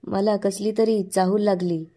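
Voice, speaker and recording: A frightened young girl from a TV serial admits what she saw, as a woman narrator reads her. She sounds timid, and the voice is soft, dark and fairly level. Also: medium pitch, fairly even intonation, unhurried, natural voice.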